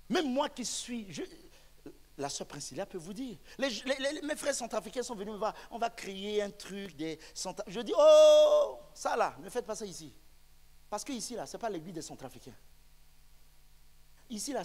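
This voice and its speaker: High-voiced preaching man in a church. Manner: emphatic, rising to shouts. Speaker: pastor. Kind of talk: sermon. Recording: long reverb of a church hall.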